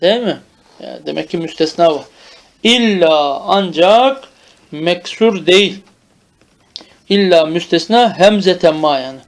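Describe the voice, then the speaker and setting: A man with a high, animated voice teaches Arabic grammar in the traditional madrasa style. He drills terms slowly and pauses to make sure the student is following.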